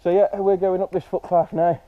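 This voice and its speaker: A man's voice: sits high, flat delivery, fairly quick, narrow, tinny audio. A man, chatting jokily while vlogging a hike outdoors on windy hills into a handheld camera. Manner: chatty, joking, loose with fillers. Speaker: hiking vlogger. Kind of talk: casual vlog narration.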